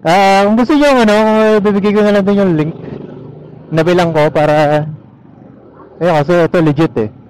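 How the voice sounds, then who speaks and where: This motorcycle vlogger has a high, slightly mellow voice, a steady tone, and a moderate pace with frequent pauses. He speaks with a Filipino accent, chatting casually in Taglish while riding, helmet on. The low-quality audio, via helmet intercom or action camera mic, is filled with engine and road noise.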